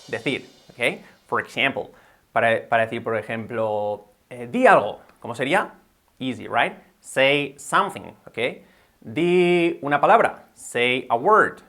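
A man's voice: medium pitch, fairly bright tone. A man teaching English vocabulary in a bilingual video lesson, upbeat and constantly checking in with his viewers. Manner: upbeat, switches between English and Spanish, keeps checking with "ok?".

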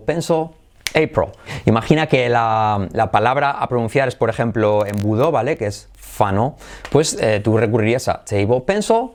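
A man from Spain teaching English pronunciation in a lesson, with a Spanish accent, slowly repeating example words. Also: medium pitch.

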